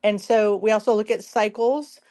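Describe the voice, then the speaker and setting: A woman hosts a casual commentary show with a hoarse, strained voice that sounds worn out. She explains things informally, step by step, and talks straight to the people listening. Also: mid-range voice, steady tone, normal speed, dark tone. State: hoarse, losing her voice. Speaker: show host.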